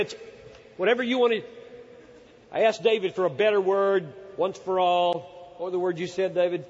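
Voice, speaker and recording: A man in his sixties preaching a sermon in an earnest, emphatic way, often pausing to search for words. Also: high voice, a bit bright. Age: 60s. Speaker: pastor. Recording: dull hall recording with long reverb.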